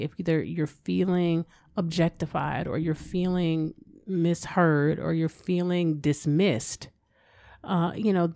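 A woman co-hosting a psychology podcast, talking in a relaxed, conversational way and laughing now and then. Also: sits low, no room sound. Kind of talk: casual podcast discussion.

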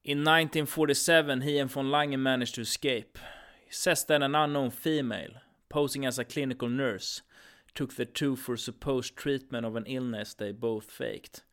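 A man's voice: mid-range voice, steady tone, normal speed, a bit bright, close to an everyday voice. A man playing a firm, businesslike commander of a time-travel agency in an audio drama.

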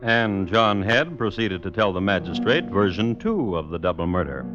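Wry male narrator, low voice, lo-fi old radio recording. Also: lively intonation, normal speed, music in the background. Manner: dry and wry. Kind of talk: scripted narration.

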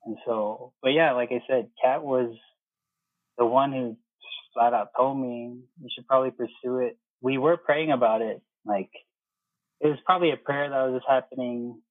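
Speaking at a moderate pace in a steady, mid-range voice, a male air traffic controller in his thirties talks casually about himself as an interview guest, quoting what people said. The recording is dry but muffled, as if over the phone.

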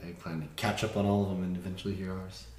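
A man chatting as a podcast guest in a relaxed, low-key way. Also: fast, echoey room, a loud crowd. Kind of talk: casual podcast chat.

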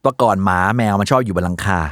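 A man co-hosting a loose chat who talks fast and cuts in bluntly, often teasing his partner. His voice is mid-pitched, recorded close with no room sound. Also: fairly bright tone, no room sound. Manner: quick, blunt, teasing interjections. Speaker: co-host. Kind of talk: casual chat.

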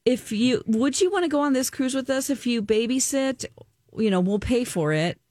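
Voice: high voice, lively intonation, normal speed, a little mellow, no echo, studio quality. A radio co-host reading a listener's story aloud, then chatting with a wry, casual manner.

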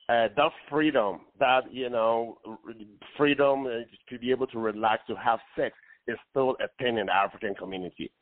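A man in his forties from Ghana, calling in to a radio talk show, speaking earnestly with many pauses and fillers. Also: on the low side, no room sound. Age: 40s. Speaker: caller. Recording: tinny phone line.

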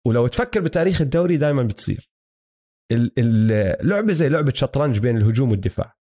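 A man's voice: mid-range voice, sing-song, fast, dark tone. A man with a Palestinian-Jordanian Levantine Arabic accent chatting casually as a sports co-host, explaining his points and mixing in English basketball terms. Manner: explanatory, checks listener follows, mixes in English basketball terms. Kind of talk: casual sports analysis chat.

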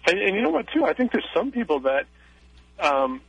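A radio-show caller on the telephone: a man with a high voice, big pitch swings, vocal fry, and a slightly rough texture, speaking fairly quickly. He chats casually with many fillers and hesitations over a dull, dry line with no echo.

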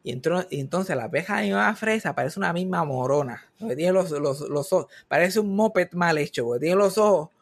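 Puerto Rican male host, casual comic storyteller, slightly raised pitch. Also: fairly quick, few pauses. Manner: animated comic storytelling, mixing in English words. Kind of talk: casual chat.

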